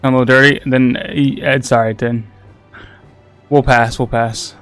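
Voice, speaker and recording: A man's voice: mid-range voice, level tone, normal speed, fairly bright tone, smooth, soft background music. A man streaming a game, chatting casually with viewers and restarting his sentences a lot. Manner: rambling, with frequent restarts and repeated words. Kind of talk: casual livestream gaming chat.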